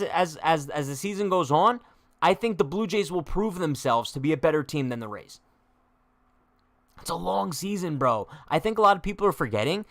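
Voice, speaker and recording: With no room sound behind his high-ish voice, a young man hosts a live-stream sports chat. He jokes around with trash talk, reads comments from viewers out loud, and keeps it slangy, dropping "bro" constantly.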